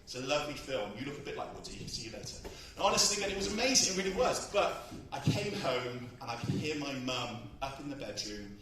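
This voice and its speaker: A man doing a crude, self-mocking stand-up comedy set, out of breath and often bursting into shouts. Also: mid-range voice, very animated, quick pace, few pauses, slight background noise. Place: comedy club stage. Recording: echoey club, far from mic, loud crowd. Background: audience laughter.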